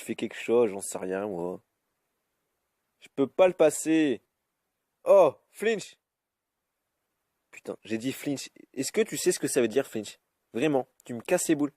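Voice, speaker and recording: A man giving live commentary over his own game, cursing often and swinging between high yelps and low grumbling. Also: lively intonation, a little slow, long pauses, mellow, no echo, studio quality. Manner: swears freely, swings from yelps to grumbling mutters. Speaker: YouTube gamer.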